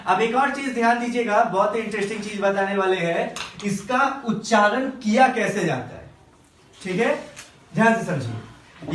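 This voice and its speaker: A teacher explaining grammar to a class, drawing words out slowly and quizzing the students. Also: mid-range voice, slight background noise. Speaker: English teacher. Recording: echoey classroom from a distance.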